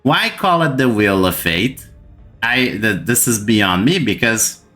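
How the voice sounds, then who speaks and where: Faint music plays behind this Brazilian gaming host, a Portuguese native speaker with a lowish, bright, forceful voice and lively intonation. He speaks slowly, venting at the camera in exasperation and hammering points home by repeating words.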